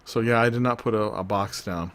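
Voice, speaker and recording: A man with a low-pitched voice talks through a survival game as he plays. He rambles loosely and cracks jokes to himself between moves. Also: fairly quick, a bit bright. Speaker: gaming video host. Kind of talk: let's-play commentary.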